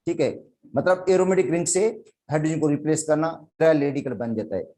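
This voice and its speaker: Man teaching chemistry, mellow voice. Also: fairly high pitch, lively intonation, a little fast. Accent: Sindhi. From Pakistan. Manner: explains step by step, calls students "beta". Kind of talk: classroom lecture.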